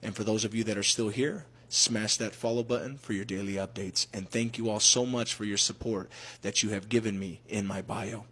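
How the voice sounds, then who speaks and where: A man's voice: fairly low pitch, fairly even intonation, moderate pace, a bit bright, breathy edge. A man giving earnest, preachy, emphatic commentary as a social media commentator. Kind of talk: earnest moralizing commentary to camera.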